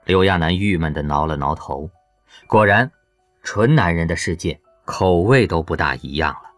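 A man reading an audiobook novel as its narrator, in a lively storytelling way. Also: low voice, moderate pace, dry recording, soft background music. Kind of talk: scripted narration.

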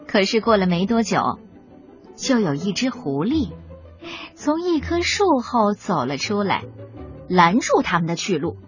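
A woman narrating a children's storybook in a lively, expressive reading. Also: a little high. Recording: dull lo-fi recording, faint music.

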